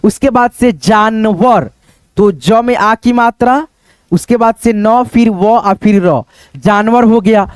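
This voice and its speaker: A man with a fairly high voice teaches Hindi writing in an online lesson. He dictates words slowly and patiently, spelling them out syllable by syllable and checking in with his students again and again. The sound is dry and close, with no room echo. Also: smooth. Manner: keeps checking in with "ठीक है" and "दोस्तों".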